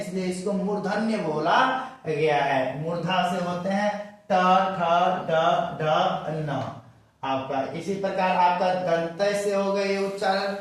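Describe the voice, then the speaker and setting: A man teacher giving a grammar lecture, asking his students questions and then answering them himself. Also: sits high. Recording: echoey room, voice from a distance.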